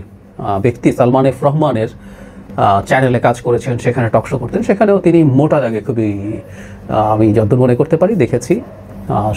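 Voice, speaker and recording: A man's voice: a little high, darkish tone, slight background noise. A man giving an argumentative solo commentary, full of rhetorical questions and "ah" fillers. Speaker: political commentator.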